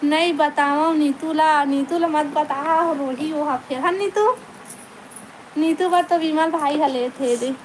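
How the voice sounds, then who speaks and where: A woman's voice: high voice, steady tone, a little slow, few pauses, a little hiss or hum, rough recording. A woman with a Chhattisgarhi accent, chatting casually on her live stream, greeting viewers by name and laughing often, on a phone mic. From Chhattisgarh, India.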